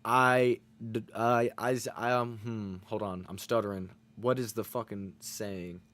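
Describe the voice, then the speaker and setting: A man's voice: fairly low pitch, steady tone, unhurried, fairly bright tone. A man streaming to his chat, rambling and self-reflective in casual motivational talk, full of fillers and frequent swearing.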